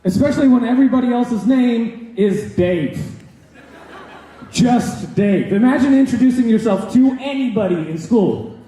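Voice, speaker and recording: A young American man doing stand-up comedy into a stage mic, animated and full of rhetorical asides. His voice sits high and mellow and jumps around with lively pitch. It rings out through a very echoey hall. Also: normal speed.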